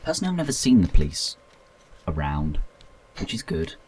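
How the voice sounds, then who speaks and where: A man's voice: deep voice, huge pitch swings, a little fast, a little mellow, a little hiss or hum. A young English man co-hosting a podcast, making dry, wry remarks in casual chat. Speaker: podcast co-host.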